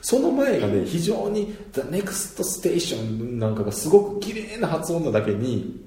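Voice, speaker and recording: Animated man with a Kansai accent. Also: on the high side, normal speed. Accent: Kansai Japanese. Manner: chatty, laughs often between points. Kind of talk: casual explanatory monologue. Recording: roomy echo.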